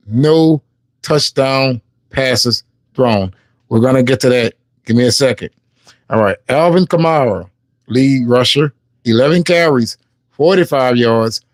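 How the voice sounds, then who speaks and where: A man's voice: medium pitch, dry recording. A man hosting a casual sports live stream. He reads game stats aloud and chats with viewers. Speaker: sports livestream host.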